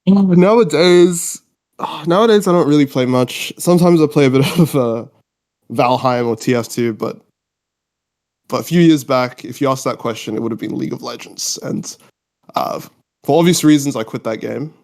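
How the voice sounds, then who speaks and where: At a moderate pace, a twenty-year-old man speaks with a medium-pitched, gravelly, slightly mellow voice. Born in Mauritius, from Australia and having lived in the UK, he's a podcast guest in a loose, rambling casual chat.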